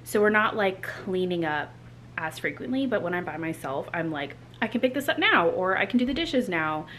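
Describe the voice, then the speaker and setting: A young woman chatting casually to camera as a vlogger in her home kitchen, relaxed and full of filler words. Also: fairly low pitch, normal speed. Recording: home recording with clear background noise.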